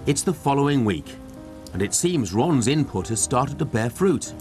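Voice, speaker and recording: A man giving scripted documentary narration in a wry, measured way. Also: medium pitch, animated. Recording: narration over loud music.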